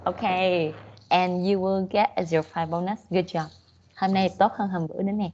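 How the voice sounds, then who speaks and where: A woman's voice: lowish voice, fairly even intonation, normal speed, darkish tone, dull audio, a little hiss or hum. A woman with a Southern Vietnamese accent teaching an English class online, switching between English and Vietnamese with frequent "okay"s.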